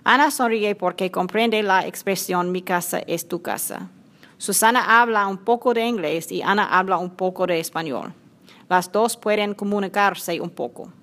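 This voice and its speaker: A woman narrating a simple storybook in a clear, measured reading voice. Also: medium pitch, fairly bright tone.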